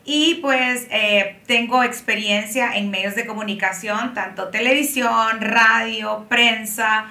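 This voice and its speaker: A woman's voice: a little high, fairly even intonation, takes it slowly, few pauses. A woman in her thirties, telling her story as an interview guest, with many fillers. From Honduras. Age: 30s. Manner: warm storytelling, frequent fillers. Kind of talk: casual interview conversation. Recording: echoey room, mic at a distance.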